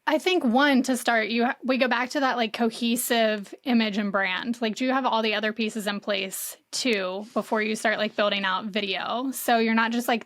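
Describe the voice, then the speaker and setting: A woman's voice: a little high, a bit bright, no room sound, studio quality. A woman guest on a podcast, explaining marketing casually with many "like" fillers. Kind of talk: conversational interview.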